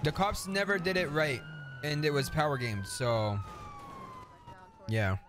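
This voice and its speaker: A woman's voice: low voice, sing-song, measured pace. A woman streaming a game, giving slangy commentary and laughing often. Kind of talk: live gameplay commentary. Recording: game sound noise behind the voice.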